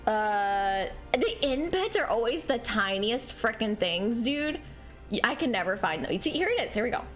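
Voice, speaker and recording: Female game streamer, cute and bubbly, very animated delivery, casual chat, music underneath. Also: fairly high pitch, normal speed. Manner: bubbly, cute, excitable streamer greetings and exclamations; giggly, apologetic. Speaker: game livestreamer. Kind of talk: casual livestream chat while gaming. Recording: music behind the voice.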